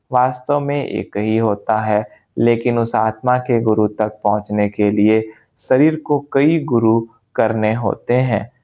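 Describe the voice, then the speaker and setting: A man calmly reading a spiritual memoir aloud as an audiobook narration, in a measured, unhurried way. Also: fairly low pitch. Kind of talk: slow scripted audiobook narration.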